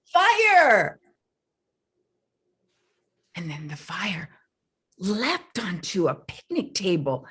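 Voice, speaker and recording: An older woman storyteller performing a folktale with dramatic, hushed whispers and slow emphasis. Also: on the high side. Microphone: stage mic.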